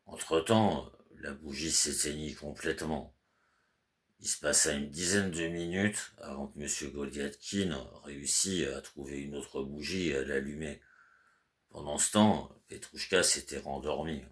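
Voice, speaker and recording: A man reading a classic novel aloud in measured, deliberate narration. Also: very deep voice. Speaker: audiobook reader.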